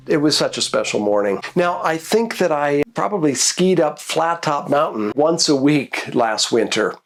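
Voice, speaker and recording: In his channel's casual photo recap, a nature photographer speaks in a mid-range voice about how his shots came about. He sounds reflective and unhurried, though congested with a cold.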